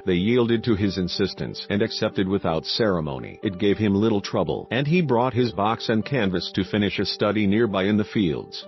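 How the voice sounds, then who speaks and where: A man giving a steady, scripted audiobook narration. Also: lowish voice. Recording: dull recording with faint music.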